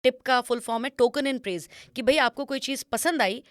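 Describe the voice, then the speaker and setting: A woman's voice: high voice, moderate pace, no room sound, studio quality. A woman speaking as an image consultant and guest, explaining points patiently in an interview and mixing English phrases into her speech. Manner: instructive, mixes English phrases into Hindi.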